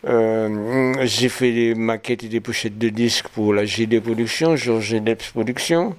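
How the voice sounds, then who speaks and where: This guest is a Martinican photographer in his 70s who stumbles and restarts often while responding to an interviewer. He speaks a little slowly in a lowish voice.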